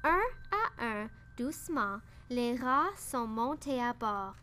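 A woman reading a children's story aloud, slow and careful. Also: a little high, expressive, sharp tone, slight background noise. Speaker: narrator.

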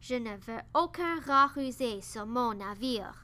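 A woman's voice: a little high, animated, takes it slowly, pushed and bright, a little hiss or hum, exaggerated voice. A woman voicing a bossy, angry male ship captain in a storybook reading, barking orders. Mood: commanding.

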